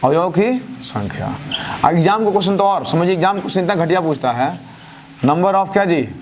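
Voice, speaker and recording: A man teaching a math class, who keeps asking questions and answering them himself, his answers dropping low and soft. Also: expressive, brisk, a little hiss or hum. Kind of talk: classroom lecture with call-and-response questions.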